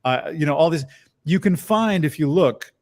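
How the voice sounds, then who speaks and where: Here a voice actor, middle-aged with a deep bass-baritone, chats casually as an interview guest. His storytelling is animated, sprinkled with brief character impressions.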